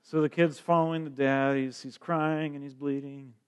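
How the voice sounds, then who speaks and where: A man's voice: medium pitch, flat delivery, a little slow, clean tone. A man interpreting a sermon into English live, often restarting and repeating words as he looks for the right phrase.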